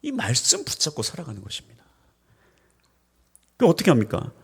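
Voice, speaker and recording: A man's voice: mid-range voice, huge pitch swings, brisk, creaky, slightly rough, big-room sound. A man pastor from the Gyeongsang region preaching a sermon in a church, telling stories animatedly and acting out voices. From Gyeongsang region, Korea. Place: church sanctuary.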